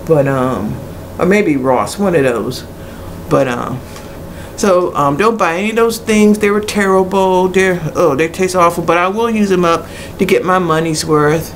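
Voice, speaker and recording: A middle-aged woman giving a blunt, casual product review in a hesitant way with many pauses. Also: lowish voice. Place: small cluttered room indoors. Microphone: webcam at arm's length. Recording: noisy webcam recording with room ambience.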